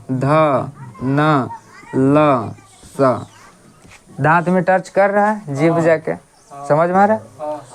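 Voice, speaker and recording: Teacher, casual lesson, asks stuff then answers it himself. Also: mid-range voice. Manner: repeats sounds slowly to demonstrate. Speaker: coaching teacher.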